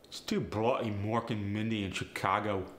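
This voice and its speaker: A man's voice: lowish voice, fairly even intonation, moderate pace, fairly bright tone, lightly acted. A man voicing a cheeky working-class Cockney bloke with a Cockney accent, punchy and colloquial, acting out example sentences for a slang lesson. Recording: roomy echo, faint background noise.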